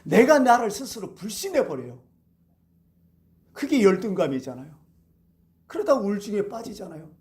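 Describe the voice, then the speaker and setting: A man's voice: sits high, normal speed, pauses often. A male pastor preaching a Sunday sermon, telling stories and asking the congregation rhetorical questions. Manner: animated storytelling with rhetorical questions.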